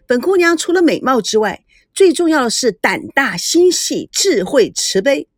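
A woman's voice: sits high, sing-song, moderate pace, dry recording, studio quality, pitched above the performer's own voice. Woman doing a cheeky, teasing young woman. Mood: playful. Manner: playful, bossy and teasing. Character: brash teasing young Taiwanese woman, cheeky self-styled beauty.

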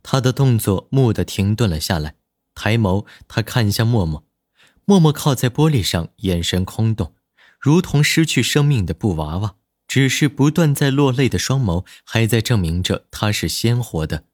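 Expressive low-voiced male narrator. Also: normal speed, dry recording, studio quality. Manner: expressive, storytelling delivery. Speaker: audiobook narrator. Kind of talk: scripted dramatic narration.

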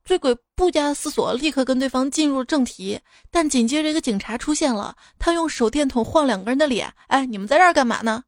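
A woman's voice: high-pitched, lively intonation, fairly quick, hardly any pauses, dry recording, studio quality. A woman podcast host reading jokes aloud in a playful storytelling way. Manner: playful storyteller, acts out quoted voices. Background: faint background music.

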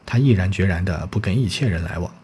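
A man narrating a translated novel in a steady, low voice, reading along at an even storytelling pace. He trips over a word now and then and corrects himself. A faint hiss of ambience runs underneath. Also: quick pace. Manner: steady storytelling with occasional slips. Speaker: audiobook narrator.

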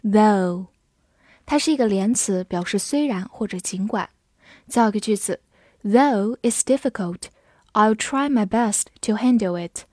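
A woman teaching English vocabulary to Chinese learners, spelling each word letter by letter and reading the example sentences slowly. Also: medium pitch, a little mellow, no room sound, clean studio sound. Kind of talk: scripted vocabulary lesson.

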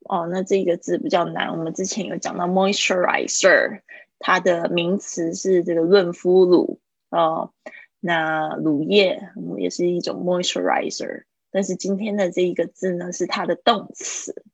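A woman teacher leads a live-streamed English lesson, explaining phrases and repeating key words slowly. Her voice carries a gravelly, slightly husky edge. The sound is close and dry. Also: fairly low pitch, flat delivery, no room sound, poor audio. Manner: patient explaining, drills pronunciation by repeating words.

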